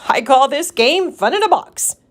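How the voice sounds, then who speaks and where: A woman's voice: high voice, lively intonation, normal speed, voice pushed up. A woman voicing a mischievous, breezy male cat showman in a children's storybook, playful and coaxing. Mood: showy. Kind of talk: children's storybook read-aloud.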